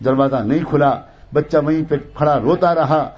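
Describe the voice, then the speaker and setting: A man narrating a moral story with emotive, dramatic delivery. His voice sits on the high side for a man. The recording is dull and lo-fi. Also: a little mellow, slightly rough.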